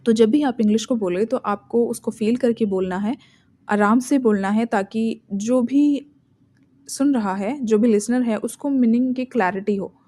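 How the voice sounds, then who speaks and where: A woman teaching English, with an Indian accent and a somewhat high, warm, mellow voice, leads a spoken English lesson in Hindi. She reads every English example sentence at a slow, deliberate pace.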